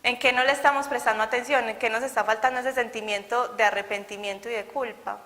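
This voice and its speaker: Young woman, earnest chatty preacher, higher voice, reverberant hall. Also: steady tone, fast, a bit bright. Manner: earnest, conversational, acts out quoted dialogue. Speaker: church youth speaker. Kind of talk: sermon with personal testimony.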